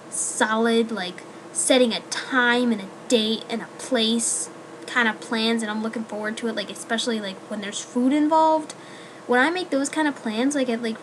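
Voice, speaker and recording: A woman's voice: fairly high pitch, slight background noise. A young woman, a college student, chatting casually to her viewers in a rambling way full of fillers. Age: young adult. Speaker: student vlogger. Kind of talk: casual chat to camera.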